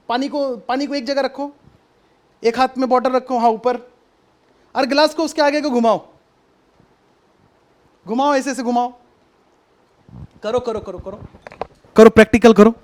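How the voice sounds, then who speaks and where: Brief: male preacher, very high voice, chatty and coaxing, repeats himself, sermon over a video call. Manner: conversational, coaxing, repeats instructions. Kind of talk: online sermon with a hands-on demonstration.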